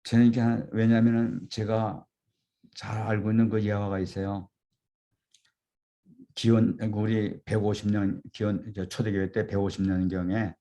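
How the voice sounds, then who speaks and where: Middle-aged male pastor, low mellow voice, earnest storytelling sermon. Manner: earnest, vivid retelling of martyr stories.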